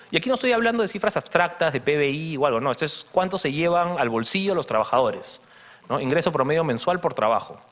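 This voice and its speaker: A man's voice: fairly high pitch, fairly bright tone. A man giving an explanatory conference presentation on slides, using frequent fillers and tag questions. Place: congress conference hall. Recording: reverberant hall, dull broadcast audio.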